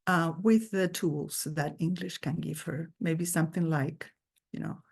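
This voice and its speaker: A woman's voice: low-pitched, steady tone, unhurried, creaky, a little mellow, breathy edge. A woman guest lecturer giving an earnest, thoughtful academic talk over a video call.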